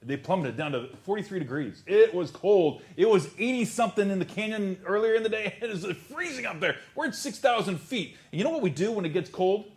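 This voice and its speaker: A man preaching a sermon. He swings from loud outbursts to hushed near-whispers and repeats words as he builds a point. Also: high-pitched, animated, brisk, hardly any pauses. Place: church service.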